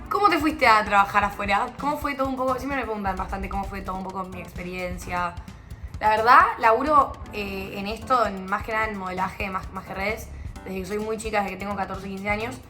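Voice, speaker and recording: A woman's voice: mid-range voice, steady tone, brisk, sharp tone. A young woman from Argentina with a Rioplatense accent, chatting casually and self-mockingly to camera in a home vlog. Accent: Rioplatense Argentine Spanish. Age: young adult. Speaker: vlogger. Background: music.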